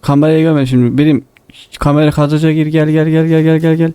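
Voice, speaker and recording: A man's voice: a little high, level tone, fast, dark tone, clear, resonant tone, no echo. A young man chatting casually while gaming, giving short, repeated, bossy instructions. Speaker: gamer leading pranks in online matches.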